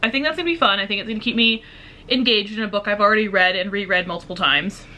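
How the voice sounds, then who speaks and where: A woman's voice: mid-range voice, fast talker, bright, forceful tone. A woman in her twenties chatting casually in a home book vlog, rambling and self-deprecating. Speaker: book vlogger. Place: home room indoors.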